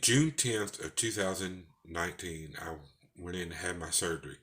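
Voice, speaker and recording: Deep-voiced Texan man, rambling folksy vlog. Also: moderate pace, a bit bright. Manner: rambling, folksy, with false starts. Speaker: vlogger. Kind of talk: casual personal vlog.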